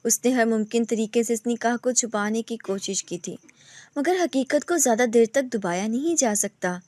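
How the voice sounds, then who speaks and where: A woman reading a romantic novel aloud in steady scripted narration. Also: a little high, no room sound.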